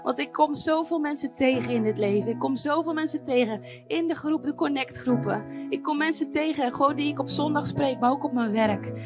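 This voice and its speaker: A woman's voice: sits high, brisk, over music. A woman preaching a sermon to her congregation, earnest and pleading, speaking directly to her listeners.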